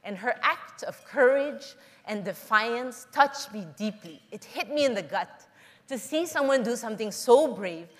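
A middle-aged woman from the Philippines giving an earnest, measured public talk, telling personal stories to an audience. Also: a little high, lively intonation, long reverb tail. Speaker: conference speaker.

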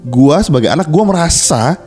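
Over soft music, a man co-hosting a podcast speaks frankly and earnestly to listeners in casual slang, frequently restarting what he says. His slightly high, slightly mellow voice is expressive and moves at a normal pace.

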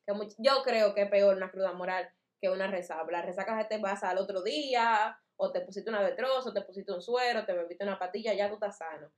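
A woman's voice: medium pitch, brisk, few pauses. A young adult woman in casual chat, speaking emphatically and with firm opinions.

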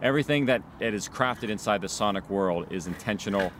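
With faint music underneath, a man with a lowish, slightly bright voice speaks briskly over a little hiss or hum. An audio drama producer in a documentary interview, he earnestly explains the craft.

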